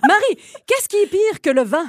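A woman's voice: very high-pitched, very animated, moderate pace. Giggly Québécois woman on radio, noisy line. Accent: Québécois French. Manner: giggly, bubbly, teasing. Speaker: radio co-host. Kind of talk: playful radio joke segment.

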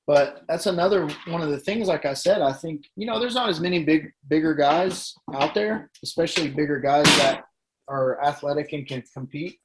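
Man, Tennessee accent, fairly high-pitched, laid-back colloquial talk, interview guest. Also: normal speed, background noise. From Tennessee, United States. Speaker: guest, professional fighter. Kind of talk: casual interview chat.

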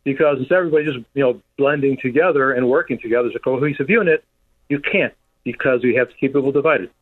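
A man calling in to a radio show on a speakerphone from his office, ranting in a rapid, heated way. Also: medium pitch, slightly rough. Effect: calling in on a speakerphone over a phone line. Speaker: radio call-in caller. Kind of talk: call-in talk radio. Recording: tinny speakerphone line.

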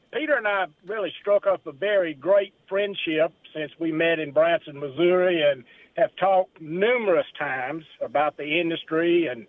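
A man's voice: a little high, no room sound. A middle-aged man from South Carolina with a Southern accent, a guest on a radio show, talking in a friendly, folksy way with many fillers. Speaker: timber association president, guest. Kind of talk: casual radio interview. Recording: tinny phone line.

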